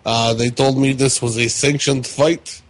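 A man's voice: medium pitch, steady tone, measured pace, no echo, lightly acted. Man putting on a blunt Russian-accented prison fighter. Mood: aggrieved. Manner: blunt, grandiose, slightly stilted phrasing. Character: boastful, aggrieved middle-aged Ukrainian prisoner, a fighter. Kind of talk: prank phone call character acting.

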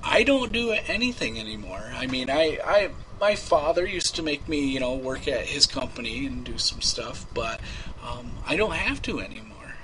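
A man's voice: mid-range voice, very animated, normal speed, a bit bright, slight background noise, poor audio. A man playing a creepy, unhinged rich young man who rambles and stammers through filler words in a prank-call comedy bit. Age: 20s.

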